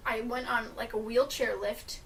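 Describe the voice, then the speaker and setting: Bright-voiced young woman telling stories. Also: on the high side, normal speed, vocal fry, recorded from a distance, a little hiss or hum, rough recording. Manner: animated storyteller, laughs often. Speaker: podcast co-host. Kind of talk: casual chat.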